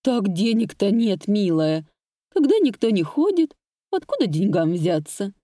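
A woman's voice: medium pitch, big pitch swings, unhurried, warm tone, dry recording, clean studio sound. A woman voicing a grumpy suspicious old woman. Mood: grumbling. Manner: gruff, scolding.

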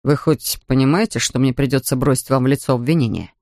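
A man's voice: medium pitch, fast, a little mellow, dry recording, voice pushed down, lightly acted. A man voicing a stern, weary male police officer in an audiobook, with a dry, official manner of speaking. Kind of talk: audiobook character voice.

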